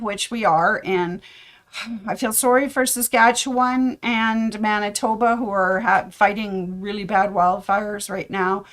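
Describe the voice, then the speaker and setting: A middle-aged woman, a sewing shop host giving casual tips, chatty and rambling, her voice slightly hoarse. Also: medium pitch, a bit bright. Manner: chatty, rambling with fillers and asides.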